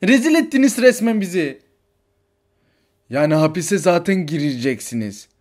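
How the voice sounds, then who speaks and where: Man doing a brusque toy-story policeman, bossy, curt orders, lively delivery. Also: sits high, moderate pace. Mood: stern. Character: stern male police officer, brusque. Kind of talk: toy figure story role-play.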